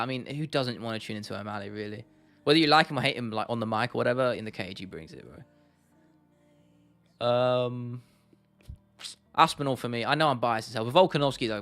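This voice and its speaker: A mid-range, fairly bright male voice with no echo belongs to a host chatting informally and laddishly on a casual livestream. He repeats phrases for emphasis, and faint music and keyboard clicking play behind him.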